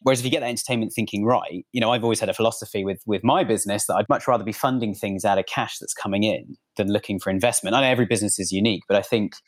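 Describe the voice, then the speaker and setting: A man's voice: lowish voice, very fast, hardly any pauses. A man hosting a podcast, chatting casually and drawing on his own business. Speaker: podcast host.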